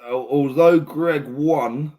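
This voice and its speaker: A man co-hosting a casual podcast, briskly reading out fixtures and giving his picks. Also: fairly high pitch, warm tone. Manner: brisk, reads out fixtures with "right, number ...". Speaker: podcast co-host reading out match list. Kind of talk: casual chat making match predictions.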